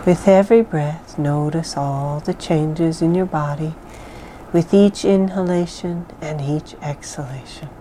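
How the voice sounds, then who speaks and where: A woman leading a guided meditation in a soft, calm, soothing voice, with phrases often trailing off into breathiness. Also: deep voice, unhurried, slight background noise, low-quality recording. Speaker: mindfulness exercise guide.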